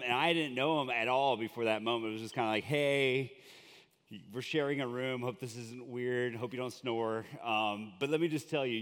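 A man's voice: medium pitch, a bit bright, big-room sound. A man from Colombia preaching as a guest in a church, in a chatty, joking way with lots of fillers. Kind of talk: conversational sermon. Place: church sanctuary.

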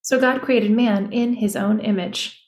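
A woman hosting a devotional podcast, lingering slowly on key words and repeating them for emphasis. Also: mid-range voice, steady tone, darkish tone, echoey room. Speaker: podcast host.

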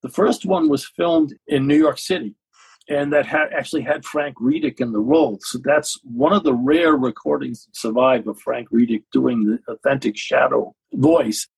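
A man's voice: mid-range voice, fairly even intonation, moderate pace, vocal fry, breathy edge, no room sound, rough recording. A man giving casual, explanatory commentary as an expert guest in a podcast discussion. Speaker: guest expert on vintage radio and film.

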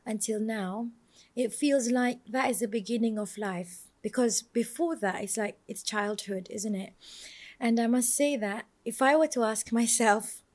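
Malaysian woman, 30s, solo podcast host; earnest, musing delivery, fairly high voice. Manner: earnest, musing, with frequent fillers and restarts. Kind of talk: reflective solo podcast talk.

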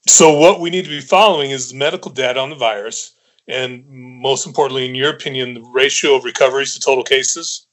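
A man's voice: mid-range voice, fairly quick, a bit bright, low-quality recording. A man hosting a podcast interview, summing up points and putting questions to a guest. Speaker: podcast host.

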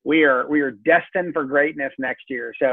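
A man's voice: a little high, moderate pace, vocal fry, dry recording. A man with a Southern US Georgia accent, a pastor chatting casually and joking as a podcast guest over a video call. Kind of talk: casual chat. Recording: dry tinny call-quality line.

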